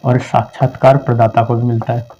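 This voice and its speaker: A man's voice: mid-range voice, level tone, a little fast, dark tone, slight background noise. A man giving a conversational exam-prep lesson, repeating points and acting out phrasings to show meaning. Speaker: teacher. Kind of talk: explanatory lesson. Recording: dull lo-fi home recording.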